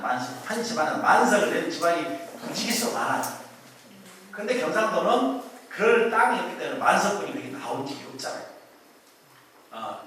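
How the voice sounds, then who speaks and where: A man's voice: high voice, fairly bright tone, slight background noise. A man giving a chatty public lecture, joking and quizzing his audience. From Korea. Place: lecture hall. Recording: very echoey hall, voice from far off.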